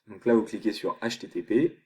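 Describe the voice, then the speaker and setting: Guy talking through a screen tutorial, bit low voice, lots of hop and voilà fillers. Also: fairly quick, darkish tone. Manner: thinks aloud while clicking, many fillers. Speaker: online tutor. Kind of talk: screen-recorded software tutorial.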